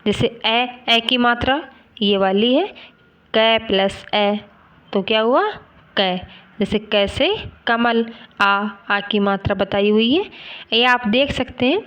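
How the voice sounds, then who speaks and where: Slow, patient woman teaching grammar. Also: a little high, fairly bright tone. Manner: slow, patient explaining, sounding out letters one by one. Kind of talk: grammar lesson.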